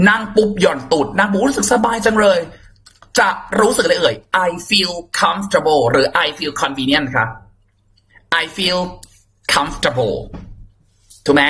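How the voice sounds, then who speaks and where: A man teaching English vocabulary in a casual, playful lesson, chatting warmly and repeating and spelling out words for his students. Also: on the high side, a little hiss or hum. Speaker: English exam tutor.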